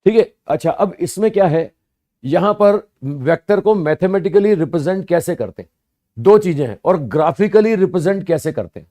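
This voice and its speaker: A man teaching physics to students, explaining slowly and repeating points, often asking rhetorical questions and answering them himself. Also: sits high, animated, warm tone. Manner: addresses students as "bhaiya" and "sahab". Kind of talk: classroom lecture.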